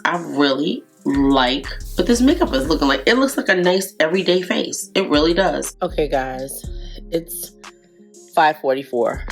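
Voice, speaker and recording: A low-pitched woman with a stuffy, nasal voice from being sick reviews her makeup in a loose, chatty way. She often repeats herself and keeps turning to her viewers. Faint music plays in the background. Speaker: beauty vlogger. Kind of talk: casual makeup review to camera.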